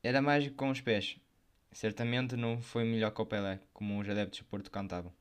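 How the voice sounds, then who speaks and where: A man with a European Portuguese accent hosting and narrating football biography in a semi-scripted, measured way. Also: lowish voice, steady tone, smooth. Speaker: host of a football history programme.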